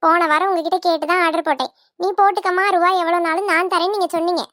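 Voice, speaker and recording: A woman doing a crafty young wife in a cartoon, wheedling and pleading in a very high, sugary voice. She talks. The sound is close and dry, with no room. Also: fairly even intonation, rapid-fire, a bit bright, no room sound. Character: cunning young wife, sweet-talking schemer. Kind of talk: cartoon voice acting.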